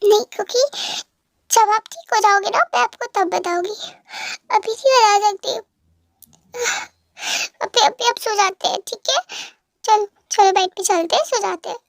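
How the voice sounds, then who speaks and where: A woman voicing a guilt-ridden young wife who talks softly through tears, in a fan audio drama. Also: extremely high pitch, a little slow, vocal fry, pauses often, no room sound, studio quality, exaggerated voice. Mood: tearful. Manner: soft and weepy, with tender reassurance.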